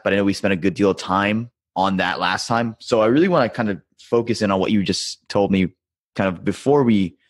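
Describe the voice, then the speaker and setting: Laid-back low-voiced male podcast host. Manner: laid-back, chatty, laughs easily. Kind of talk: casual podcast interview.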